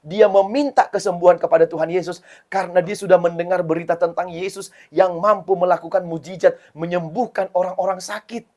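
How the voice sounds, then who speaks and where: A man's voice: high-pitched, fairly even intonation, a little fast, darkish tone. A man preaching a Sunday school sermon to children, retelling a story with repeated phrases and asking the children questions. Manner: asks children rhetorical questions.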